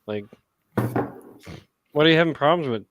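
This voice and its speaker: A man's voice: fairly high pitch, expressive, normal speed, muffled recording, noisy background. A man talking informally as a guest on a livestream, in an easy conversational style. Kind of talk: casual livestream chat.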